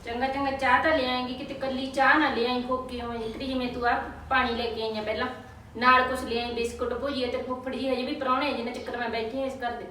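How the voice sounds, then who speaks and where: This is a demanding, fault-finding village aunt who complains about every cup and biscuit, played by a woman. Her voice sits high and her tone is sneering. The recording is roomy, with faint hiss and a mic set well back. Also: little pitch movement, fast, sharp tone. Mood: grumbling. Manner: nagging, scornful complaints. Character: grasping middle-aged village aunt, always demanding. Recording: echoey room, distant mic.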